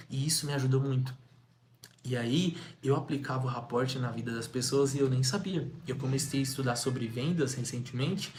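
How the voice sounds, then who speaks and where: A young man from Brazil, giving an energetic motivational talk on sales, full of rhetorical questions and repetition. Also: medium pitch, a little hiss or hum. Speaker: sales coach.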